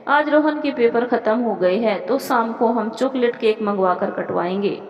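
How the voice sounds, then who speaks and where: A woman voicing a bossy, scheming older woman of the house who talks in a sharp, mocking, commanding way. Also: a little high, normal speed, reverberant, long reverb tail, highs cut off, lightly acted. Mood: scolding.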